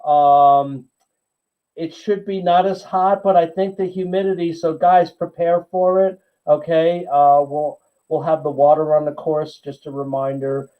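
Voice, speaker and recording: A man hosts a casual live show for a running club, speaking in a slightly raised voice. He rambles warmly encouraging, full of fillers and restarts. The sound is dull and lo-fi, like a livestream. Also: a little high, steady tone, unhurried. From USA.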